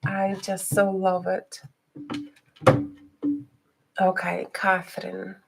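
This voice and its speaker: A psychic reader hosting a live stream chats with viewers and leads a guided reading, speaking English as a second language with a slight Scottish twang. Her mid-range, gravelly voice is slow and completely flat, full of ums and restarts, though it turns soft and guiding during the reading. Background noise can be heard.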